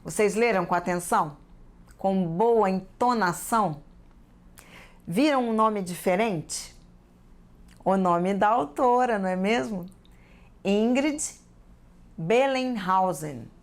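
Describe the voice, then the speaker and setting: A woman's voice: mid-range voice, expressive, slow pace, pauses often. A woman with a Brazilian Portuguese accent teaching a TV lesson for children, carefully asking the class many questions.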